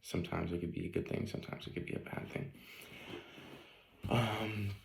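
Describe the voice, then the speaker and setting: Deep, gravelly man from Ohio. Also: darkish tone, reverberant, low-quality recording. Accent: Northeast Ohio. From Northeast Ohio. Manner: rambling, many ums and likes. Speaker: student. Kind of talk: casual class video presentation.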